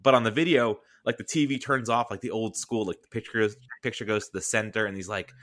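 A man's voice: fairly low pitch, fast talker. Male guest on a chat podcast, easygoing, slips into acted-out quotes. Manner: acts out quoted lines in animated bursts. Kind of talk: casual chat.

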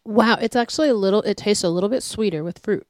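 A woman's voice: mid-range voice, quick pace, darkish tone, no echo. A woman co-hosting a casual wine-tasting chat, giggly and enthusiastic. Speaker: co-host.

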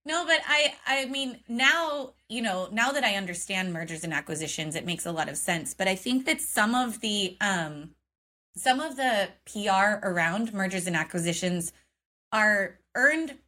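A woman's voice: mid-range voice, moderate pace, sharp tone. A woman from Oregon co-hosting a coffee business podcast, chatting casually with many fillers and frequent laughs. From Oregon, United States. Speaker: podcast co-host. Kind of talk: casual chat. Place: home, forest view.

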